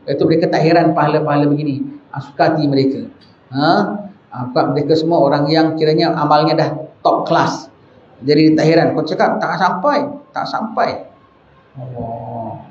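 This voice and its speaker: A man's voice: fairly high pitch, darkish tone. A man with a Malaysian Malay accent preaching a sermon, bantering with the audience and mock-arguing in a rising, incredulous voice. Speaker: religious teacher. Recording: roomy, muffled recording with faint hiss.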